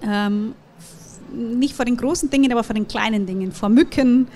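A woman, an author, reading narration in an even, measured way and answering questions about her novel. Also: fairly high pitch. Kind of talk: reading aloud and interview answers.

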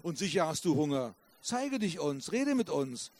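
A man's voice: fairly high pitch, very animated, normal speed. A man reading as a kindly old peasant woman. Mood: coaxing. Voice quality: rough voice. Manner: coaxing, gently teasing. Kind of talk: author reading aloud.

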